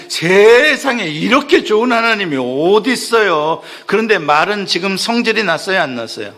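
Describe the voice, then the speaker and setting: Lively-pitched Korean pastor preaching. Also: male voice. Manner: animated, questioning the congregation, acting out quotes. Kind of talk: sermon. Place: church sanctuary.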